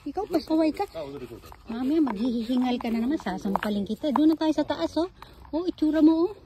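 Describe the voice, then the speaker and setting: A woman's voice: high-pitched, animated, fairly quick, a crowd in the background. A woman filming a casual walking vlog outdoors on her phone, chatting to her viewers and calling her dog in a sing-song voice, sometimes out of breath. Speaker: vlogger. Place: outdoor garden and dog run on a hillside.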